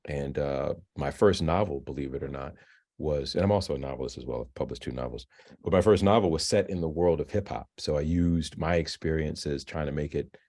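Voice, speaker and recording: A man in his fifties, interviewed about his career, talking in a halting way with frequent restarts and repeated words. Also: extremely low pitch, a little mellow. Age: 50s. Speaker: filmmaker and novelist, alumnus guest. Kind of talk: interview, conversational. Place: virtual interview.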